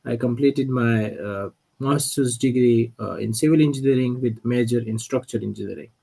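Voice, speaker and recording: A man from Pakistan introducing himself, friendly and a little halting. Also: mid-range voice, vocal fry, warm tone, husky. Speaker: student ambassador. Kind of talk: self-introduction. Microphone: video call.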